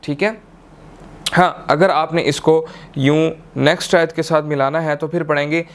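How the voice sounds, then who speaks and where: A man with a Pakistani Urdu accent teaching tajweed, chanting verses in long drawn-out tones and then explaining each rule briskly, often checking in with "theek hai". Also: fairly high pitch, steady tone. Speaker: Quran recitation teacher. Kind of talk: tajweed lesson, slow chanted recitation then quick explanation.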